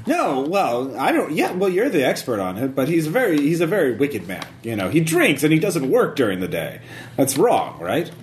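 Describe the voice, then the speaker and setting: Man playing a prudish, gossipy townswoman, raised lilting pitch. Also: huge pitch swings, echoey room, slight background noise. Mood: scandalized. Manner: halting, scandalized, repeats words.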